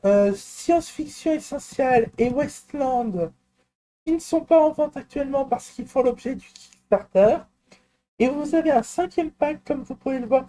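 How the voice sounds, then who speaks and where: A man presenting a screen-recorded software walkthrough, talking in a hesitant, explanatory way with frequent fillers and restarts and personal asides. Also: very high-pitched. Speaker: tutorial presenter.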